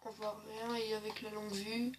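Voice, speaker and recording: A woman's voice: mid-range voice, flat delivery, normal speed, slight background noise. A woman with a slightly sore throat giving chatty, joking gameplay commentary, full of hesitations. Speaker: gaming channel host.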